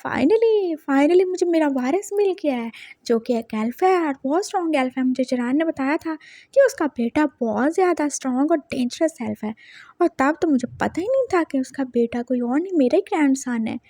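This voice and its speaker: Woman reading as a lonely rich old grandfather, gruff, emotional, mellow high voice, storybook telling. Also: lively intonation, fairly quick, no room sound, studio quality. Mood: overjoyed. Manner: scolding then doting.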